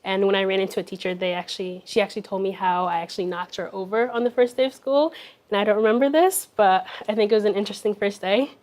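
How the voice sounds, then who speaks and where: A young woman from South Sudan answers interview questions in a shy, soft-spoken way, pausing on little fillers. She talks at a brisk pace in a mid-range voice. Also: mid-range voice, steady tone. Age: young adult. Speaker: guest. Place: television studio.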